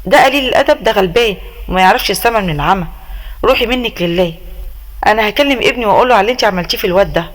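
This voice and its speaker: A woman's voice: mid-range voice, animated, rapid-fire, natural voice, low-quality recording. A woman voicing a nagging, indignant older mother-in-law who scolds and curses, in an Egyptian accent. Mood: scolding. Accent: Egyptian Arabic. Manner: scolding, exclaiming, cursing.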